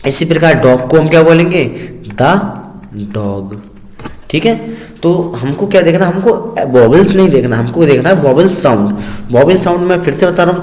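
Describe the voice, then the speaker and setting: A man with a fairly high voice teaches a classroom-style English lesson in Hindi. He asks questions and answers them himself, and stretches the example words out slowly and low. The sound bounces around a roomy space with a long, ringing reverb. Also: darkish tone. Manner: calls the listener "beta" fondly. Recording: echoey room with long reverb.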